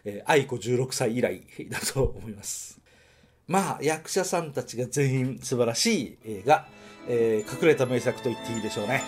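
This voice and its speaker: A man from Nagoya talks through a film review on his podcast in a loose, casual monologue. His pitch rises and falls freely, and he drifts off on tangents and corrects himself mid-sentence. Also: animated, moderate pace, breathy edge, faint music behind. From Nagoya, Japan. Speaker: podcast host reviewing films.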